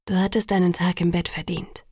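A gentle, protective young man speaks softly and calmingly, read by a woman in an audiobook. The voice has a slight gravelly fry and a husky grain. The recording is dry and close. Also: lowish voice, fairly quick, no room sound. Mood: soothing. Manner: quiet and soothing.

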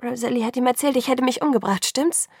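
A woman's voice: sits high, fast talker, a little mellow, slightly rough, no room sound, clean studio sound, voice pushed up. Woman voicing an anxious young heroine.

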